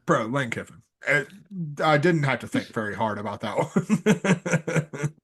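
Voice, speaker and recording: A man's voice: medium pitch, lively intonation, measured pace, husky. A man co-hosting a sports podcast, casual and slangy, laughing often between remarks. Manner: loud laugher, slangy, says bro and baby. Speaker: podcast co-host.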